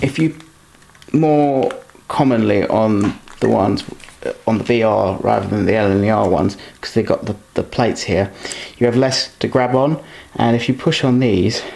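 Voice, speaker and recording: A man's voice: on the low side, moderate pace, vocal fry, a little mellow. A man casually talking through an unboxing of model trains, rambling and correcting himself as he handles the pieces. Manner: rambling, self-correcting, talks while handling items.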